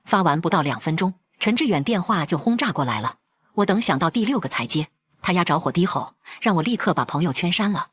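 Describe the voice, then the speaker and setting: Blunt, fast-talking woman narrator. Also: fairly low pitch, animated, fairly bright tone, slightly rough, dry recording. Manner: cold, blunt and firm. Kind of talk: first-person drama narration.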